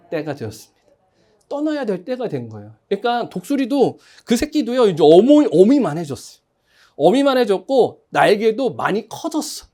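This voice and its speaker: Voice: medium pitch, dark tone. A pastor preaching a sermon in a church sanctuary, telling a story in a chatty way and asking the congregation questions and having them repeat phrases after him. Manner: storytelling, conversational with fillers.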